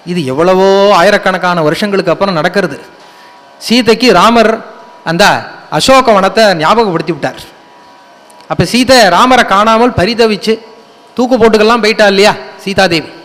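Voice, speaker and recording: A man's voice: high-pitched, moderate pace, pauses often, fairly bright tone, in a large hall, poor audio. A man telling devotional stories in a discourse, acting out dialogue and now and then singing lines. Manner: acts out dialogue, breaks into sung lines. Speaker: religious discourse speaker.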